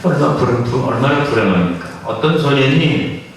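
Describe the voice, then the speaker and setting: A male pastor with a medium-pitched, expressive voice preaches a Christmas sermon at normal speed in a church sanctuary. He is emphatic and fires many rhetorical questions at the congregation. The mic is distant, catching an echoey hall and slight background noise.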